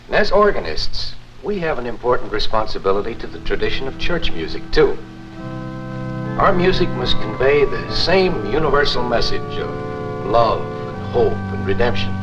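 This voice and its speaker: An actor playing a courteous, confident church organist, explaining in a formal, measured 1950s narrator manner for a promotional film. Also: male voice, fairly low pitch. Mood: courteous, earnest. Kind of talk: 1950s promotional film acting, scripted demonstration. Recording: muffled, noisy 1950s film soundtrack.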